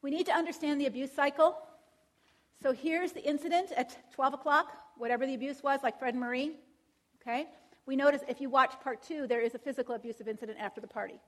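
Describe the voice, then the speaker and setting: High-voiced woman giving a counseling lecture. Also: quick pace. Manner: frequent tag questions and check-ins. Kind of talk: conversational lecture.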